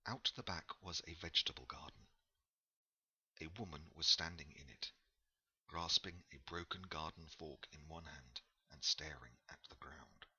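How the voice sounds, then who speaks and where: A man narrating a novel in a measured, unhurried storytelling manner. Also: a bass voice, pushed and bright, breathy edge, muffled recording. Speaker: audiobook narrator. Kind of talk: scripted narration.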